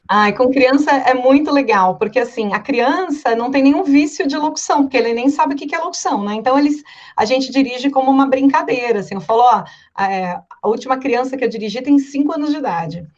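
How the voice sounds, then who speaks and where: A woman from Brazil, a voice-over artist, chatting casually and telling stories with lively quoted voices. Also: high voice, fast, dull audio. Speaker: voice-over artist and director, guest. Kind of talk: casual podcast chat.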